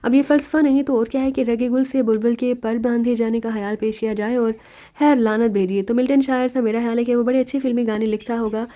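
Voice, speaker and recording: Sly joking male sleuth, read by a woman; mellow tone, mocking patter. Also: a little high, fairly even intonation, lightly acted. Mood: teasing. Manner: rambling, mocking, teasing. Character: sly joking male detective, young man.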